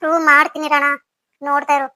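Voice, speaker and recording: A woman voicing a scheming young woman villain, speaking low and taunting in a cartoon story. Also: little pitch movement, fast talker, sharp tone, no room sound. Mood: threatening.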